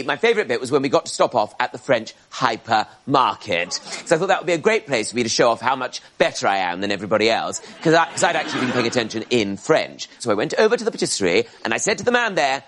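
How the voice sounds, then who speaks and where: High, lively English man telling a story. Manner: wry storytelling with jumps into high mimicry. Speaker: stand-up comedian. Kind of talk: stand-up routine. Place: television studio stage. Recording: TV studio with audience laughter and noise.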